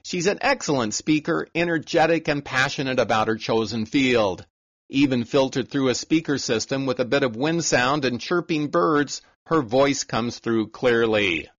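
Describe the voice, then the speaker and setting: A man hosting an agricultural podcast, reading a scripted narration in a measured, informative way. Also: medium pitch, dry recording, muffled recording. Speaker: podcast host and farm reporter.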